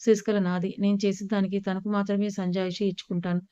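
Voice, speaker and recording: A rude, arrogant young man speaking with scorn, read by a woman narrator. The voice is mellow and dark, and the lines come quickly with little rise and fall. The recording is dry. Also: medium pitch, little pitch movement, clean tone, dry recording, lo-fi sound, close to an everyday voice.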